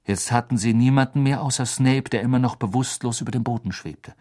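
A man narrating an audiobook in a dramatic, expressive storytelling manner. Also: mid-range voice, fairly quick.

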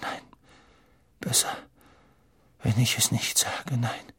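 A man reading an audiobook, voicing a dramatic, eccentric female fortune-telling teacher who talks in breathy, hushed whispers. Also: takes it slowly, dry recording, clean studio sound. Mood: ominous whisper.

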